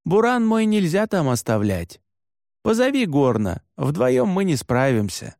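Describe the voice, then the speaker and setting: A man's voice: high-pitched, wildly swooping pitch, a little slow, gravelly, darkish tone, no room sound, studio quality, heavily acted. A man voicing a cheerful, never discouraged young reindeer herder in an audiobook, in an easygoing, upbeat way. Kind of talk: audiobook dialogue.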